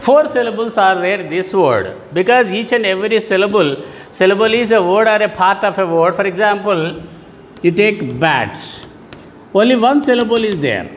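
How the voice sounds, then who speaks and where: A man's voice: high-pitched, expressive, normal speed, big-room sound, slight background noise. A man teaching an online lesson to schoolchildren, patiently repeating and rephrasing words. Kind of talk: online classroom lesson for children.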